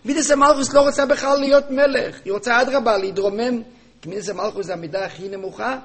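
A man giving a religious text-study lesson. He reads passages aloud in a chanting rhythm, then explains them with rhetorical questions, often halting and repeating words. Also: extremely high pitch, fairly bright tone. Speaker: religious teacher.

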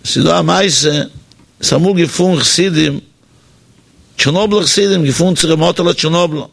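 Man, high gravelly voice, animated sermon storyteller with a hesitant, repeating delivery. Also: fairly quick. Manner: animated storytelling, changing pitch for the people in the story; hesitant, with repeated words and fillers.

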